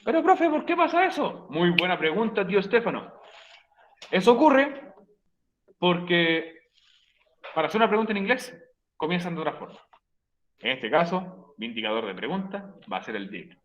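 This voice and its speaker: Bright-voiced playful male teacher, roomy lo-fi. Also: on the high side. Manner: playful, joking with students; repeats key points for the class. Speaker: English teacher. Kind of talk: online class explanation in Spanish. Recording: roomy, dull lo-fi stream audio.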